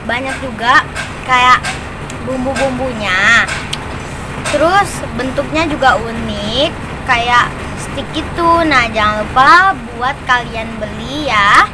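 A woman's voice: on the high side, slow pace, pauses often. A young woman casually reviewing snacks to camera as a vlogger, recorded outdoors. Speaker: food reviewer. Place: outdoors on an open rooftop or terrace. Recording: loud outdoor traffic and ambient noise.

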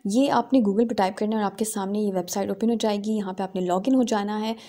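A woman hosting a screen-recorded software tutorial, explaining each step with small fillers. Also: mid-range voice, steady tone, a little fast. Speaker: tutorial host.

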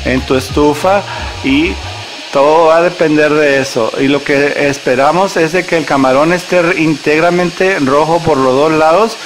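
A cooking show host with a voice on the high side talks at a normal speed, with a little hiss or hum in the audio. He chats casually and rambles, correcting himself often and treating the viewer like a friend.

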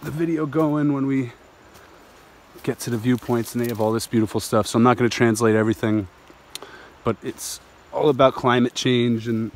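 A man's voice: mid-range voice, steady tone, normal speed. A man in his thirties talking into a handheld phone while hiking down a steep jungle trail, enthusiastic and rambling, laughing often. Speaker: vlogger. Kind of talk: walking vlog narration. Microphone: phone camera held at arm's length.

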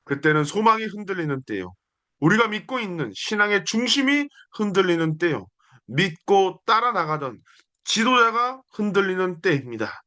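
A young man delivers a sermon in an earnest, declamatory way. His fairly high voice rises and falls with lively movement as he stacks one repeated phrase on the next. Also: normal speed. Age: young adult. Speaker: preacher. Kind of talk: sermon with scripture reading.

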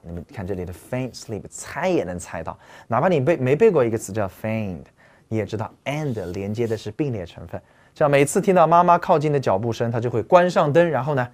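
Animated man teaching English vocabulary. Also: fairly low pitch. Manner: animated, asks listeners rhetorical questions, repeats key words. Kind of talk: explanatory lecture.

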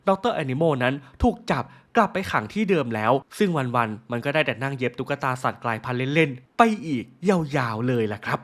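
A man's voice: mid-range voice, lively intonation, brisk, hardly any pauses, fairly bright tone. A man narrating a cartoon episode recap in a casual, chatty, slangy storytelling manner.

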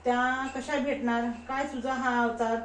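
A cautious young palace maid, voiced by a woman reading a story, asking question after question at a slow, careful pace. The voice sits fairly high and flat. The room echoes, with faint hiss behind. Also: close to an everyday voice. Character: wary young female servant at a palace door.

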